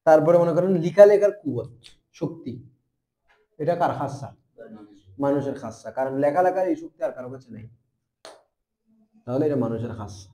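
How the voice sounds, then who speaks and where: A young man with a Bangladeshi Bengali accent teaching a grammar lesson, asking questions and answering them himself, and repeating terms slowly. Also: fairly high pitch, animated, dark tone, roomy sound. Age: young adult. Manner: spells out letters and repeats terms.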